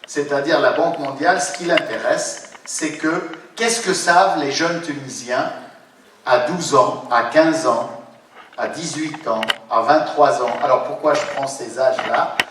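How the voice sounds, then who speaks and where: A man's voice: medium pitch, a little slow, a bit bright. A man in his sixties giving a university lecture, hesitant, with many fillers and restarts as he explains. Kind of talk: academic conference lecture. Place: lecture hall, indoors. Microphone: distant room mic. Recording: very echoey hall from far off, faint noise.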